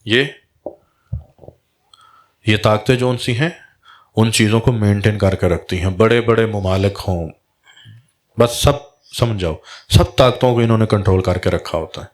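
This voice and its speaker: A man's voice: on the low side, long pauses. A man, a Sufi spiritual guide, telling a story in a religious talk and acting out the dialogue in quoted voices.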